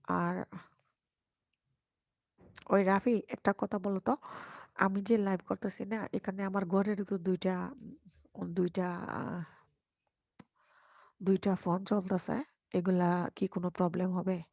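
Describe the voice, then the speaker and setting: Soft-spoken woman whispering to her live viewers. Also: medium pitch, flat delivery, takes it slowly, vocal fry, long pauses, no echo, clean studio sound. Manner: speaks very softly, at times whispering. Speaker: live-stream host reading viewer comments. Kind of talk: casual live-stream chat. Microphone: microphone.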